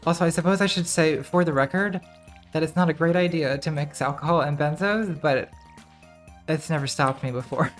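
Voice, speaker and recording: A woman in her thirties streams a game from her home streaming room indoors, chatting casually with her viewers in a self-deprecating way and laughing a lot. Her very soft, quiet voice is low-pitched at a moderate pace, with soft background music.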